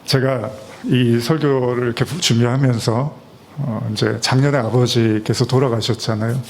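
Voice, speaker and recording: A man's voice: medium pitch, gravelly, a little hiss or hum. Conversational middle-aged male pastor preaching. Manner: conversational storytelling, many fillers. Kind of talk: Christmas sermon.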